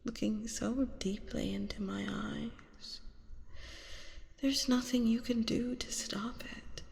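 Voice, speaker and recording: In an ASMR roleplay, a woman plays a haughty, seductive vampire queen who teases and gloats over her captive through deliberate phrasing and breathy whispers. Her voice is medium-pitched and darkish in tone, trailing off into a long reverb.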